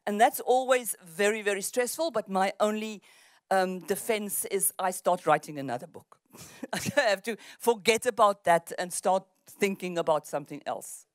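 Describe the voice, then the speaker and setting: Speaking into a handheld microphone on an outdoor festival stage among trees, a woman in her sixties from South Africa, an Afrikaans first-language speaker, talks as an author on a panel. She's thoughtful and often restarts, in a mid-range voice at normal speed, and the recording is dry with clean studio sound.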